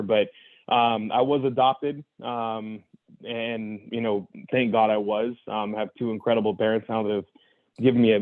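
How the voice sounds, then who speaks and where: His voice is lowish and free of echo, yet the recording has a tinny, phone-like quality. The speaker, a young adult male guest, shares his personal story candidly and reflectively in conversation, often starting over and leaning on "you know."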